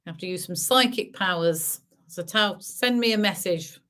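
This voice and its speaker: A woman's voice: medium pitch, normal speed, fairly bright tone. A woman hosting as a bingo caller, announcing numbers in traditional rhyming calls with chatty asides in between.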